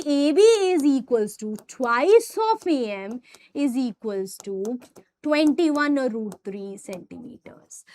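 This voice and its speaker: A woman's voice: sits high, a bit bright, dry recording. A woman with a North Indian accent teaching maths, explaining step by step and emphatically putting questions straight to her students. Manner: emphatic, addresses students directly. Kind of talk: explanatory lesson with rhetorical questions.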